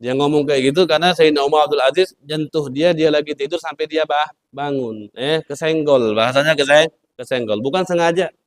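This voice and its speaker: A man giving a weekly study sermon in a mosque, telling a story and often repeating phrases and restarting words. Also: brisk. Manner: acts out quoted speech with rising pitch. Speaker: religious teacher.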